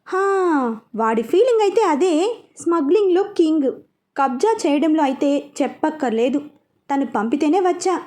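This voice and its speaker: A cocky male gangster, put on by a woman reading a story, who taunts and threatens with a boastful edge. The voice sits high and dark-toned, and every line lands as a sneering challenge. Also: lively intonation, normal speed. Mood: threatening.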